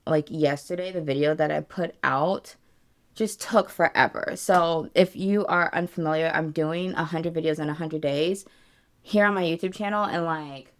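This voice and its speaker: A woman in her thirties vlogs to camera with candid, emotional energy, her voice sitting a little low. She gets animated and sometimes drops to a hushed tone when she talks herself down. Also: normal speed. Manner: animated and emotional, self-soothing in hushed tones. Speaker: vlogger and business coach. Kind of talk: candid casual vlog.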